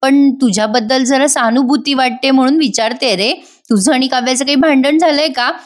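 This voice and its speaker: A woman voicing a caring young wife who pleads and coaxes softly. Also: sits high, brisk, lightly acted. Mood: coaxing. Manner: pleading, coaxing.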